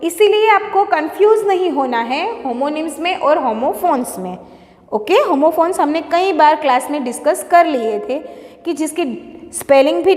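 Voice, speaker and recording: A woman's voice: high voice, a little mellow. A woman teacher with an Indian English accent explains a lesson to her students, repeating each point patiently and checking in with "okay?". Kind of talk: classroom lesson mixing Hindi and English. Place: classroom. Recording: echoey room, long reverb.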